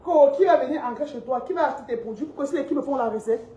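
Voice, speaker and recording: A woman, raising her voice a little higher than most as she fires off a confrontational rant at her followers, hammering the same points again and again. Her tone stays mellow and warm even while she scolds. She films inside her shop on a phone, so the room rings with echo and a faint ambience hums behind her. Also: fast talker, highs cut off, slight background noise. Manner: emphatic, repetitive, confrontational, talks straight to her audience. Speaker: shop owner addressing followers. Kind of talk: heated social media rant.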